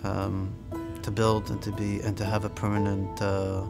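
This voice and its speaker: An older man from Australia, a rabbi, speaking in an interview indoors, halting with fillers and restarts. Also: on the low side, monotone, creaky. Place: indoor room. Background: music.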